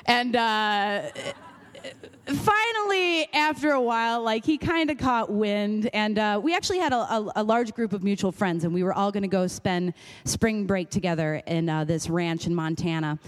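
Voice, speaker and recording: A young woman telling a comic personal story on stage, self-mocking and lively. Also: medium pitch, normal speed.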